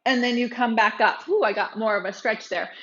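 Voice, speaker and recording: A woman's voice: on the high side, brisk, a bit bright, lo-fi sound. A woman teaching a Pilates tutorial, demonstrating as she moves, chatty and bubbly and a little out of breath.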